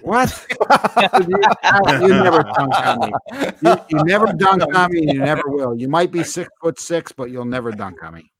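A man in his fifties with a slightly raised speaking pitch, ribbing the others in casual podcast banter. He brags and teases with a boastful edge, talking over a remote call. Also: animated, moderate pace, crowd noise. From US East Coast. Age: 50s. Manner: teasing, boastful trash talk. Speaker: co-host and father of a guest.

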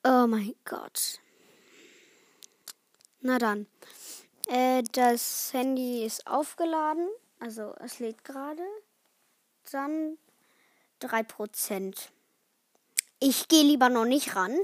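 Slow-talking chatty teenage girl. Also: sits high, no room sound, studio quality. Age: teens. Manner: chatty, rambling, restarts often. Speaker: podcast host. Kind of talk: casual solo chat.

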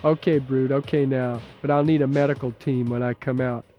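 A man's voice: medium pitch, fairly even intonation, fairly quick, dull audio, soft background music, close to an everyday voice. A man voicing a tough, wounded female mercenary in an audiobook, talking in clipped, terse bursts. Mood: pained, clipped.

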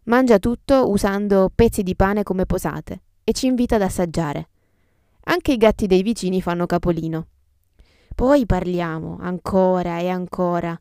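A woman's voice: fairly low pitch, normal speed, warm tone, clear, resonant tone, dry recording, studio quality. A woman podcast host reading scripted travel narration in a reflective, descriptive storytelling way. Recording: music behind the voice. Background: guitar music.

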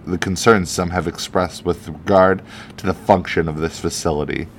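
A man reading out the earnest, measured public speech of a heroic male alien superhero. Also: sits low, fairly even intonation, slight background noise. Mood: solemn. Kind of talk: reading a comic speech aloud.

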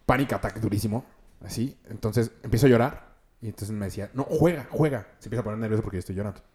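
A man's voice: on the low side, steady tone, very fast, a crowd in the background. A young Mexican man telling a story among friends in casual chat, laughing at his own mishaps. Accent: Mexican Spanish.

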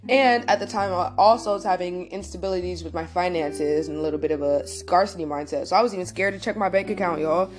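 A young adult woman hosts and shares a personal story, talking quickly with few pauses in a fairly low voice while faint music plays behind her. She's casual, animated and emphatic, swears, and speaks directly to her listeners.

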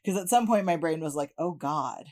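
A woman's voice: on the low side, lively intonation, quick pace, dark tone. A woman co-hosting a casual chat show, talking in a rambling, self-deprecating way with a noticeable accent of her own. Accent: regional accent of her own. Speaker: podcast co-host.

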